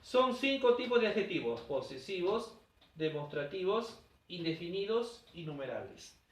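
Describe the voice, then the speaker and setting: A man's voice: sits high, big pitch swings, a little slow. A male teacher giving a grammar lesson, firing questions at his students and answering them himself. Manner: quizzing students with rhetorical questions. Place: classroom. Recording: echoey room, voice from a distance.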